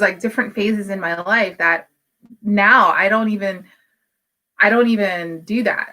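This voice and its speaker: A woman's voice: medium pitch, pushed and bright. A woman in her thirties from Hawaii, a business coach talking candidly to camera in a casual, motivational way, with many fillers. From Hawaii, United States. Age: 30s. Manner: candid and personal, with frequent fillers.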